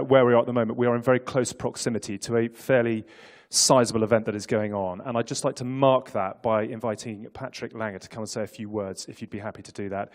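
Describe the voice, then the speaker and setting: A man hosting a live press conference, speaking informally and jokingly to the room with teasing, rallying banter. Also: medium pitch.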